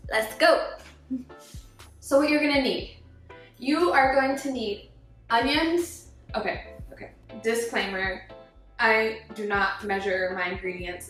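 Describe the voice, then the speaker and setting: A woman's voice: medium pitch, fairly bright tone, roomy sound. A young woman from Jamaica, chatting casually and jokingly as she hosts her cooking vlog. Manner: bubbly, jokey, laughs often. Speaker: cooking vlogger.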